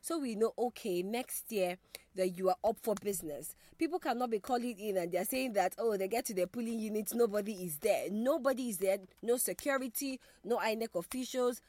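Nigerian lady radio host, brisk, dry close studio mic, keeps callers moving. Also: a little high, mellow, no echo. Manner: brisk, prompting callers with quick questions. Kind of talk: live radio call-in hosting.

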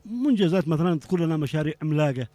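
A man with a Yemeni Arabic accent hosting a live radio call-in show, talking fast and cutting in on callers. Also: fairly high pitch, lively intonation, warm tone, no echo. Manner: fast, talks over callers.

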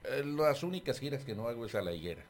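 A man hosting a radio show in a studio, chatting casually and reading ads in a loud, drawn-out way. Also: mid-range voice, big pitch swings, a little hiss or hum. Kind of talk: casual radio talk with live ad reads.

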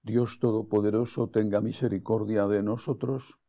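A man leads the liturgy as a priest. His voice is fairly deep and very dark and mellow. He recites prayers and scripture solemnly, at a measured tread. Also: flat delivery. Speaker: priest celebrating Mass.

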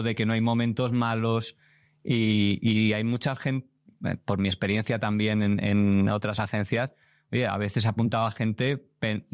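A man interviewing a guest in a relaxed, colloquial way. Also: lowish voice, dry recording, studio quality. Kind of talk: casual conversational interview.

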